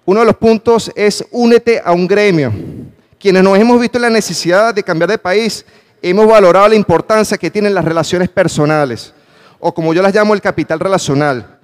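A man's voice: high-pitched, brisk. A man giving a motivational talk at a conference, asking his audience questions and stressing his points with emphasis. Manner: emphatic, calls for audience response. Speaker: conference speaker. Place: conference hall with a live audience.

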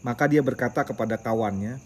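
A man who leads a casual Quran study group, talking in a lively way, slipping in English words and calling his listeners by their nicknames. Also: medium pitch, fast talker, slight background noise. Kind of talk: casual religious study talk.

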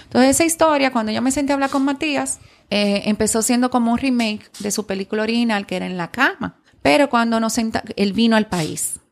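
A woman from the Republic, a film producer telling stories in an interview, animated and full of restarts. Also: fairly high pitch, quick pace. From Dominican Republic. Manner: animated storytelling with frequent restarts. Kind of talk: interview guest talk.

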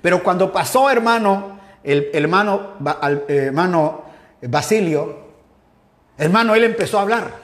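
Man, Ecuadorian accent, high-pitched, fervent pastor, sermon. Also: expressive, normal speed, fairly bright tone. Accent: Ecuadorian Spanish. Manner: fervent, repeatedly addressing listeners as "hermano". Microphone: livestream mic.

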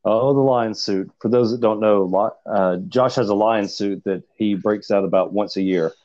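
Laid-back blunt man, lowish voice. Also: normal speed, a little mellow. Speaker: podcast co-host. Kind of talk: casual podcast storytelling. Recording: dull lo-fi sound.

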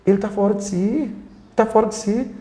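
A man's voice: sits high, moderate pace, dark tone. A Brazilian man who founded a charity for homeless people, earnestly telling stories in an interview and acting out the dialogue. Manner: earnest, retells scenes with quoted dialogue. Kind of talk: interview storytelling. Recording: roomy echo.

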